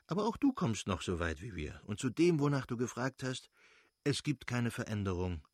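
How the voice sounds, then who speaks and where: A man voicing a cheerful, genial male nobleman official in a read-aloud novel, with a husky voice and a jovial, teasing manner. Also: medium pitch, sing-song, normal speed, no echo, studio quality. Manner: jovial, teasing, laughs easily.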